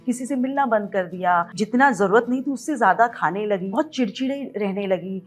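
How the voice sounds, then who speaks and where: A middle-aged woman, a counsellor who explains things calmly in an interview and mixes English phrases into Hindi. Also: mid-range voice, a little fast, soft background music. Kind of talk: conversational interview.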